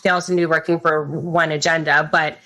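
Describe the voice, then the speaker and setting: Lady guest on a podcast, lower voice, talks fast and loose with lots of likes. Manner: chatty, lots of fillers, animated. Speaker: podcast guest, news presenter. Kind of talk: casual conversation.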